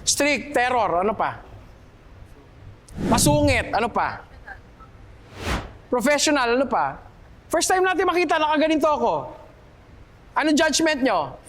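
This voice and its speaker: High-voiced man coaching a live hall. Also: unhurried, long pauses. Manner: lively, asks the audience questions, switches between Tagalog and English. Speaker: communication coach. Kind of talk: live seminar talk to an audience. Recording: long hall reverb, faint room noise.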